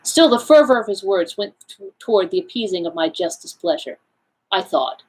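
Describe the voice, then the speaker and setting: A woman reading a classic novel aloud for a library storytime, with measured first-person narration. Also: medium pitch, animated, husky, low-quality recording.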